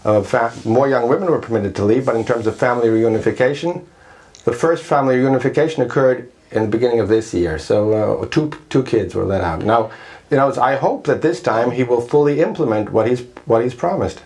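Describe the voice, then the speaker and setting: A man who is a Middle East expert, giving measured, matter-of-fact interview answers. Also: mid-range voice, darkish tone.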